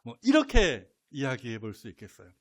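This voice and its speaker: A middle-aged male pastor giving a lively sermon, playfully acting out shouts. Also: medium pitch, fairly quick.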